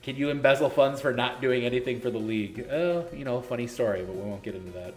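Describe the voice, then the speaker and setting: A man's voice: mid-range voice, quick pace, soft background music. A man in his thirties hosting a casual live-stream Q&A for a gaming league, answering chat questions in a blunt, joking, sarcastic way. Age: 30s.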